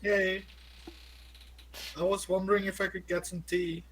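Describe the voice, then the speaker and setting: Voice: medium pitch, flat delivery, measured pace. A player in a tabletop game, chatting casually and bantering with the group, recorded with some noise.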